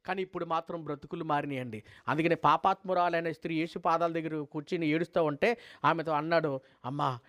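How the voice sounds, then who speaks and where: A man preaching a sermon and leading a prayer. He fires rhetorical questions at the congregation, repeats words for emphasis, and swings fervently between high and low tones. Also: a bit bright.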